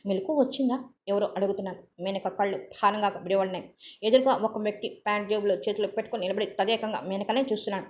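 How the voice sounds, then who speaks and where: A woman reading a novel aloud as a story reader, in a calm, steady storytelling manner. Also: mid-range voice, fast, a little hiss or hum. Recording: dull lo-fi audio.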